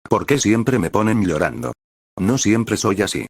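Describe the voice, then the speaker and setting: A man's voice: lowish voice, sing-song, a little slow, slightly rough, dry recording, studio quality, heavily acted. A man reading a whiny, jumpy young swordsman. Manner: whiny and complaining.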